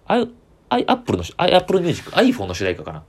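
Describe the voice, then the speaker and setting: A man's voice: on the high side, wildly swooping pitch, fast talker, slightly rough. A man with a Kansai accent, chatting on his own as a comedian podcaster, rambling with easy enthusiasm. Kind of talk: solo casual chat.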